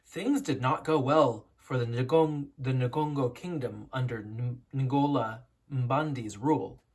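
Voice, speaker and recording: An educator reading a children's picture book aloud in a storytelling, instructive way with deliberate emphasis and a slightly husky voice. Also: mid-range voice, darkish tone.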